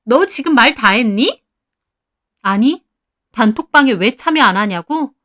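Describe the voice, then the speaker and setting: A woman's voice: high voice, very animated, measured pace, a bit bright, voice pushed up, full character voice. A woman reading a story aloud who voices a jealous, sarcastic female friend in her twenties or thirties, prying into someone's marriage. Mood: defensive.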